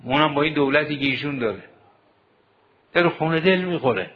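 Man, cleric, exhorting sermon, rhetorical questions, fairly high voice, muffled recording. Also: slight background noise. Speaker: cleric teaching seminary students. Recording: dull lo-fi recording.

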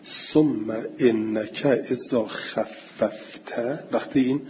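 A man teaching Arabic grammar in a classroom lecture, reciting Arabic text slowly and then explaining it. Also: mid-range voice, fairly even intonation. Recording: dull lo-fi recording with faint hiss.

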